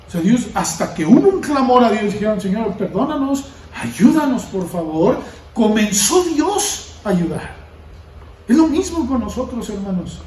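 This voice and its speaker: High-voiced preacher in an echoey church. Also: male voice, a little hiss or hum. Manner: preaching with rising emphatic bursts and soft trailing endings. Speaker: pastor. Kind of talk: sermon. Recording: roomy echo, from a distance, faint ambience.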